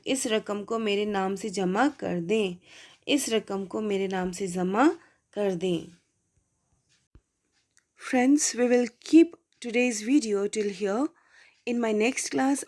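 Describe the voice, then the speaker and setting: A woman with an Indian accent teaching spoken English, reading English sentences slowly and explaining them in Hindi. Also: mid-range voice.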